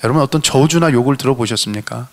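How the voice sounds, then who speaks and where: A male senior pastor preaching fervently, asking rhetorical questions and swinging between loud, high appeals and low, quiet asides in a church. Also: fast talker. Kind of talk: sermon. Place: church sanctuary.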